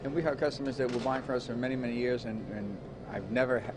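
A man's voice: medium pitch, fairly even intonation, quick pace. Ny store owner guy chatting, street and traffic noise behind. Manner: conversational, wry. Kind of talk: news interview soundbite. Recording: clear outdoor street noise.

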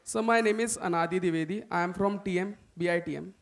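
A young man with a high voice and an Indian accent speaks as a student in an audience. He is polite and deferential, phrasing his question formally. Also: fast talker. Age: young adult. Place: large auditorium audience.

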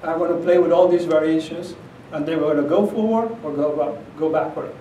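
A middle-aged man from Argentina gives an emphatic, conversational conference talk in a fairly high, mellow voice, steady in tone and a little fast, often checking in with "okay?". He speaks with an Argentine Spanish accent. The audio comes from a distance in an echoey conference room with a projector screen, with slight background noise.

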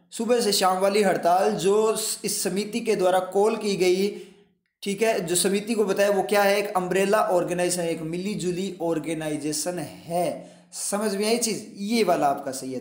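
A man's voice: sits high, roomy sound. A man teaching an English exam lesson in Hindi, explaining each step and asking his students rhetorical questions.

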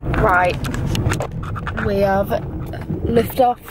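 Chatty young woman vlogging over loud noise. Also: medium pitch, steady tone, very slow. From England. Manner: chatty and upbeat. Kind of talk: casual vlog chat. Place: car, then a home.

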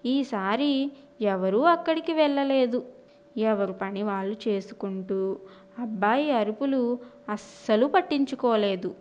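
A woman narrating a children's story in an expressive storytelling manner. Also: a little high, unhurried, dull audio.

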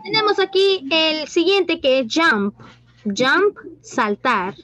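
High-voiced woman teacher. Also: big pitch swings, slow, a bit bright, no echo. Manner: mixes Spanish and English, asks questions and praises pupils. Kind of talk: online class teaching. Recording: dull lo-fi sound.

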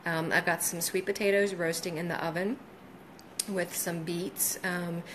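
A woman's voice: lowish voice, little pitch movement, measured pace, fairly bright tone, slight background noise. Chatty woman filming her kitchen on a phone. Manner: chatty, friendly, many ums, talks to viewers. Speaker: meal prep vlogger. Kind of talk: casual live video walkthrough. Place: home kitchen indoors. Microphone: phone held in hand.

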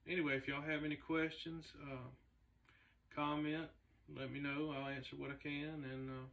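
A man, a race car builder talking casually to the camera in a halting, laid-back way with many fillers. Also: fairly high pitch, level tone, gravelly, a bit bright. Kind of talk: casual vlog talk. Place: large indoor garage shop. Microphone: camera a few meters away. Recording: distant camera mic in a garage.

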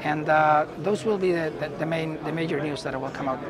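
This is an unscripted business interview with a company executive, a middle-aged Chilean man whose Chilean Spanish accent colors his somewhat high voice. His answers come in halting phrases, picked up by a lapel mic at an indoor conference booth over the chatter of a busy event hall.

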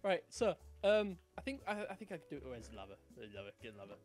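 A man casually chatting while playing a game, thinking aloud and bursting into excited shouts. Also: a little high, quick pace. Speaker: gaming channel host. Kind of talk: casual gameplay chat. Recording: light background music.

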